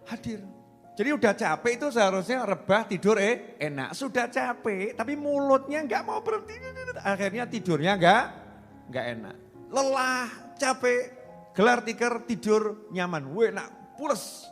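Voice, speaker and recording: A man with a Javanese accent preaching a sermon, lively and joking, slipping into Javanese phrases. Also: extremely high pitch, moderate pace. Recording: reverberant hall with faint music.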